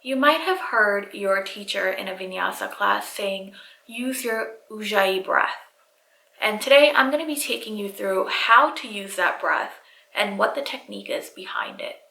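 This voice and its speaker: A woman's voice: mid-range voice, lively intonation, a little slow, vocal fry, pushed and bright, echoey room, rough recording. A woman yoga instructor giving step-by-step guided breathing cues straight to the viewer. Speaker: yoga instructor, channel host.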